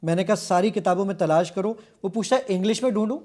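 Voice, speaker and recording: A man with a Pakistani Urdu accent demonstrating a software app step by step as a guest in a television studio. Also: sits high. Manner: eager, explanatory, walking through features step by step. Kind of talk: product demonstration on a TV show.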